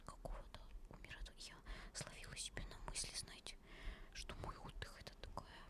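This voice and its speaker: A woman hosts a casual, personal ASMR chat, softly whispering to her listeners in a tender, caressing, breathy way. She speaks fairly quickly.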